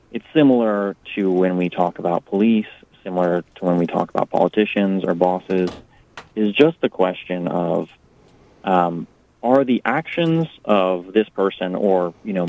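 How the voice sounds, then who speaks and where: A man speaking as a phone-in radio guest, answering in a thoughtful, halting way. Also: deep voice, darkish tone, low-quality recording. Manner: thoughtful, halting, with repeated hedging phrases. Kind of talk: interview talk. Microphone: phone call.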